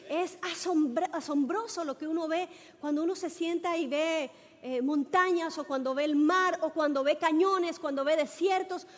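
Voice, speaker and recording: High-voiced woman preaching. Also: big-room sound. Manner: animated, bursts into shouts for emphasis. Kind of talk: sermon. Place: church sanctuary.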